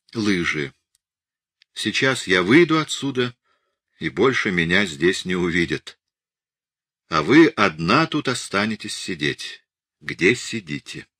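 A man voicing a weary, hunted middle-aged scientist who speaks in a quiet, resigned, measured way. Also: low-pitched, breathy edge, dry recording, clean studio sound, heavily acted.

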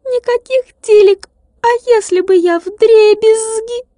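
Brief: tiny glass drummer with a high ringing, huffy voice, clipped and offended, read by a woman, storybook figure, dry sound. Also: takes it slowly, dark tone, no room sound. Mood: indignant. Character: tiny touchy glass drummer, male, indignant.

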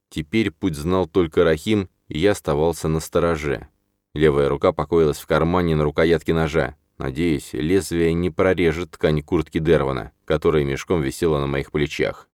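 A man narrating a first-person story as an audiobook, in a steady, measured manner. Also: extremely low pitch, smooth, dry recording, studio quality.

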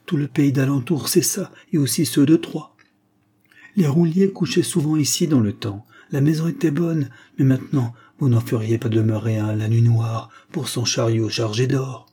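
A man's voice: medium pitch, normal speed, mellow, slightly rough, natural voice. A man reading an audiobook, voicing an older peasant widow who runs an inn and speaks with fearful, pleading urgency. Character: frightened old peasant widow innkeeper.

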